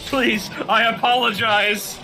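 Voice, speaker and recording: A man with a high, bright voice jokes through gameplay commentary. He is playful and slips into mock drama. Light music runs behind him. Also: steady tone, takes it slowly, rough recording.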